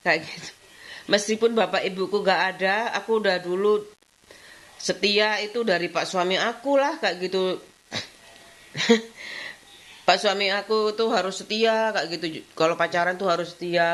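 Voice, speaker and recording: A middle-aged woman with a Javanese-tinged Indonesian accent, rambling casually at home in a vlog, with frequent laughs and repeated filler phrases. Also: fairly low pitch. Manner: rambling, repeats "kayak gitu", laughs often. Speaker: vlogger and housewife. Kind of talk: casual chatty vlog monologue. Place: at home while tidying.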